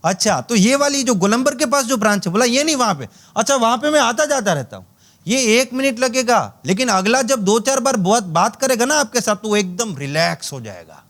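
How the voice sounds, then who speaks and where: A man's voice: extremely high pitch, lively intonation, a little fast, a bit bright. A man giving a motivational sales training talk, telling anecdotes and acting out dialogue with jokes. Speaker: network marketing trainer.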